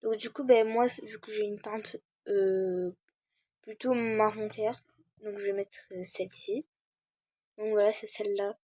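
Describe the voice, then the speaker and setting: A woman's voice: mid-range voice, fairly even intonation, unhurried, darkish tone, breathy edge, dry recording, clean studio sound. A teenage girl giving a casual screen-recorded game tutorial, hesitating often with fillers while she searches.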